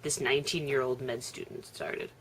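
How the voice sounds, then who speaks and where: A woman's voice: very deep voice, steady tone, moderate pace, slight background noise. A young woman chatting casually on her video blog, laughing often and chewing as she talks. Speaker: vlogger. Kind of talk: casual vlog chat.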